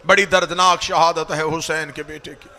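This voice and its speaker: A man's voice: a little high, little pitch movement, moderate pace, bright, forceful tone, a little hiss or hum. A man, a cleric, recites a mourning sermon as impassioned, wailing storytelling that swells into cries at a mourning gathering. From Pakistan.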